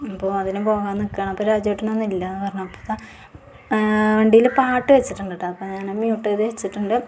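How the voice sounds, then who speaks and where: A woman's voice: medium pitch, flat delivery, rapid-fire, mellow, a little hiss or hum. A woman with a Keralan accent, narrating her own vlog in a chatty, casual way, tagging her sentences with friendly little asides. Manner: chatty, tags sentences with "ട്ടോ" and "കേട്ടോ". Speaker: vlogger.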